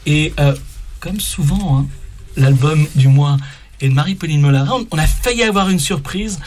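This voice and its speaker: A man with a French accent hosting a live radio show from a studio, talking in a halting way with many fillers and restarts. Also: on the high side, darkish tone. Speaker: radio host. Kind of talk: hesitant live radio chat.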